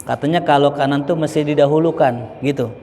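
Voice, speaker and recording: In a mosque's echoing hall, a male preacher with a high-ish but dark-toned voice delivers a chatty, humorous lesson at a fairly quick clip, acting out his examples. Faint ambience and a slight hiss or hum sit in the background.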